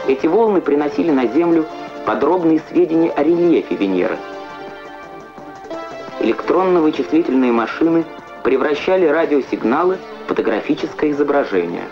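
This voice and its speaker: A man reading scripted educational science newsreel narration in a measured, declamatory way with precise diction. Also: fairly high pitch, expressive, music in the background. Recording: muffled vintage Soviet film soundtrack.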